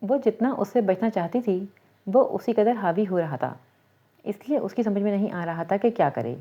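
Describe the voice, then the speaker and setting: A woman narrating a romantic novel in a steady, even reading voice. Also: mid-range voice. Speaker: storyteller. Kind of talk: scripted story narration. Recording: dull lo-fi recording.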